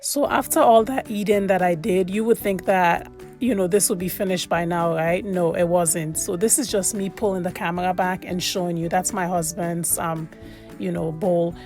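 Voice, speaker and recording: A woman's voice: lowish voice, fairly even intonation, normal speed, a little mellow, faint music behind. A woman from Sierra Leone giving casual, chatty food vlog commentary, often repeating words for emphasis. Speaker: food vlogger. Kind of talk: casual voice-over commentary on a meal.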